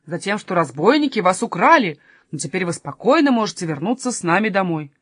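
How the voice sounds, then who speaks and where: A woman's voice: lowish voice, very animated, a little fast, fairly bright tone, slightly rough, no echo, clean studio sound, full character voice. A woman voicing an official male town policeman who speaks formally with authority. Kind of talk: storybook reading.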